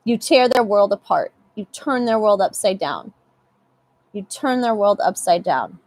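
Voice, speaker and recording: A woman's voice: medium pitch, expressive, a little slow, darkish tone. A young woman giving a casual live tarot reading, chatty and often repeating herself. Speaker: tarot reader.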